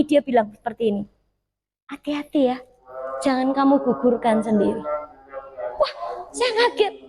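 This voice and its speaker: A middle-aged woman preaches in a high voice, telling her own stories. She leaps upward in pitch to act out her past prayers. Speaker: pastor. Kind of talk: sermon with personal stories.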